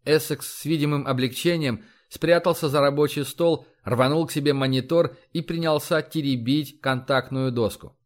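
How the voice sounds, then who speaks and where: A man narrating an audiobook in a steady, even reading voice. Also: on the high side, moderate pace, few pauses. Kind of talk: scripted narration.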